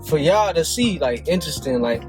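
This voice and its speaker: Playful man vlog co-host with a very animated pitch, jokes and shouts, music playing behind. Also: moderate pace. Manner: joking, with loud playful exclamations. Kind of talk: casual mukbang chat.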